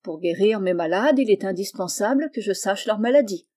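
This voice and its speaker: Kind patient uncle doc, read by a woman, soft mellow low-key voice. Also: lively intonation, brisk, close to an everyday voice. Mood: tender. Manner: gentle, reassuring, patient. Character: mild, kindly middle-aged uncle and doctor.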